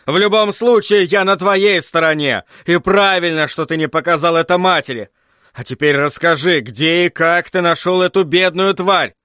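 A man voicing a stern father who serves as a royal butler, speaking slowly and firmly. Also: on the high side, a bit bright, no room sound, clean studio sound. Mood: urgent, firm.

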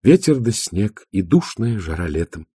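A man voicing the eldest sister, a stern older woman who speaks slowly and curtly. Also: lowish voice, big pitch swings, warm tone, breathy edge, no room sound, clean studio sound. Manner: slow, curt, stern. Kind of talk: audiobook character voice.

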